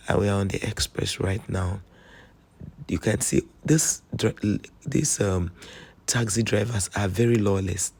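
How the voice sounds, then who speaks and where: A man with a Nigerian accent narrating a travel vlog voice-over in a hoarse, strained voice, chatty and earnest, pleading with his viewers. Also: on the low side, darkish tone. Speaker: travel vlogger.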